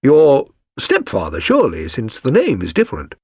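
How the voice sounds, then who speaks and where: A man voicing a suave, courteous gentleman detective in a storybook reading, polite, assured and incisive. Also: medium pitch, wildly swooping pitch, normal speed, husky, dry recording, clean studio sound, pitched above the performer's own voice, exaggerated voice. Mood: probing.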